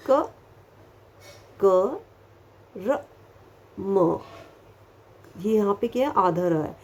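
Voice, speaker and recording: A woman's voice: medium pitch, a little mellow, slight background noise. A woman teacher giving a recorded lesson to children, patiently asking questions and answering them herself, repeating each word carefully to show its sound.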